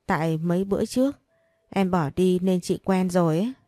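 Sugary fake-nice schemer girl, low mellow tone, woman reading it. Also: moderate pace, dry recording, studio quality, natural voice. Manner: fawning, falsely polite. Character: scheming sweet-talking young woman.

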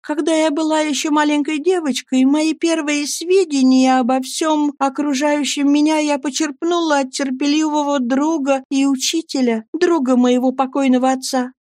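A woman voicing a gentle young wife who pleads earnestly and with fervour, in an audiobook. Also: high-pitched, steady tone, moderate pace, few pauses, no room sound, studio quality, voice pushed up, natural voice. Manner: fervent, pleading.

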